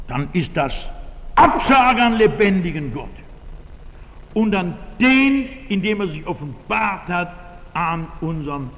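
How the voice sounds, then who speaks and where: Older male preacher, slightly high and very animated voice, emphatic repeats, long church echo. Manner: emphatic, repeats key phrases. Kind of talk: sermon.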